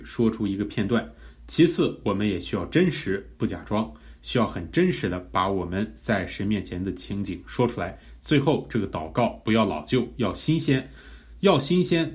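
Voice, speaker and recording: Earnest, low-voiced male preacher. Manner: earnest, measured, rising in fervor during prayed examples. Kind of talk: teaching sermon on pray-reading scripture.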